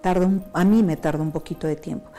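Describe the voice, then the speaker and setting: A woman's voice: lowish voice, quick pace, faint music behind. A woman with a Mexican accent telling her personal faith testimony, acting out remembered dialogue. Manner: animated, acts out remembered dialogue. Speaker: interviewee giving testimony.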